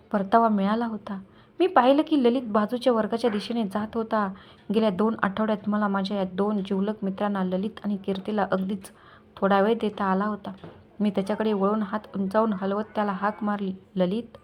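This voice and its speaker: A woman reading a first-person story aloud with emotion, as the channel's storyteller. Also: medium pitch. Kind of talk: scripted story narration.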